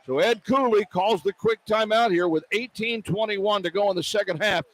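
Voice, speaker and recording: This radio play-by-play voice is high and moderately paced, tracking live basketball action in quick, clipped phrases. The noisy broadcast comes from a large indoor arena with heavy ambient sound.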